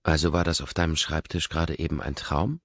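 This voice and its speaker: A man voicing a shy young woman who is also a teasing lover, in a soft, playful way, in a dull lo-fi audiobook recording. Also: extremely low pitch, fairly even intonation, a little fast, dry recording, full character voice.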